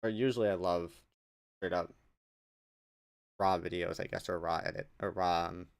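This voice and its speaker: A man's voice: deep voice, fairly even intonation, moderate pace, smooth. A young man hosting his own podcast alone, chatting casually and rambling off on tangents. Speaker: podcast host. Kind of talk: solo casual podcast chat.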